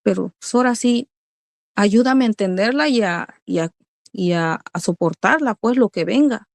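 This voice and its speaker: A woman's voice: medium pitch, normal speed, gravelly, dry recording. A middle-aged woman giving an earnest religious testimony as a mother, speaking to her listeners as brothers.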